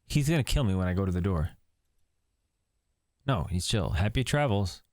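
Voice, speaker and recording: Young male let's-play commentator, low voice, nervous and jokey. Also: big pitch swings, moderate pace, darkish tone, no echo, studio quality. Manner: anxious, joking, reads text aloud. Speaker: gaming commentator.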